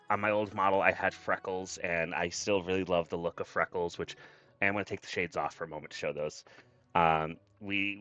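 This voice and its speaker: Over background music, a deep-voiced man with a sharp tone talks casually on his livestream as a VTuber. The lo-fi recording has no echo. He's effusive and grateful, thanking viewers again and again.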